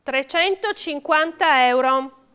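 A middle-aged woman with a high-pitched voice runs a live auction from the lectern. She calls as an auctioneer does, repeating figures and bidders in short, clipped phrases. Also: takes it slowly, bright, forceful tone. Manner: auctioneer's repetitive, clipped calling of numbers and bidders. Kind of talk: live auction calling, bids and lot descriptions. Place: indoor auction room, at a lectern.

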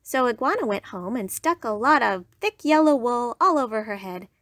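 Lively woman reading a bedtime story. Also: fairly high pitch, normal speed, no room sound, clean studio sound. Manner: lively, expressive storybook narration.

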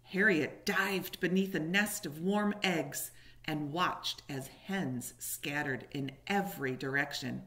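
Taking her time, a woman with a low voice reads a picture book expressively to young children indoors in a living room. She's in her forties and animated, explaining and posing questions to the kids, while the room echoes.

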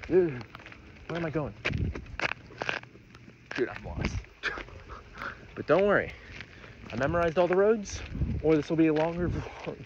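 A man's voice: fairly high pitch, very animated, unhurried, long pauses, dull audio, noisy background. A man rambling through a casual, profane monologue while walking outdoors on roads. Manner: rambling, profane, self-mocking. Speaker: vlogger.

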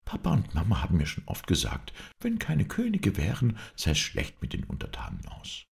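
A man's voice: deep voice, huge pitch swings, normal speed, creaky, a little mellow, voice pushed up, full character voice. A man reading aloud and voicing a spoiled, headstrong young princess who speaks indignantly and insistently.

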